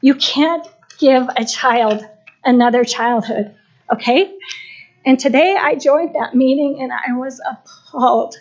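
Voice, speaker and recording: A woman's voice: high voice, darkish tone. An older woman giving an impassioned, pleading public comment at a school board meeting. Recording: dull lo-fi livestream audio.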